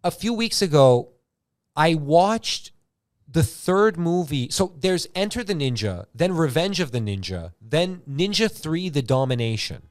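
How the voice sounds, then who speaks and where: Speaking unhurriedly in a slightly high voice, a YouTube show host from Iran tells animated, slangy, rambling stories, swearing freely and using "like" a lot. The sound is studio quality with no room sound.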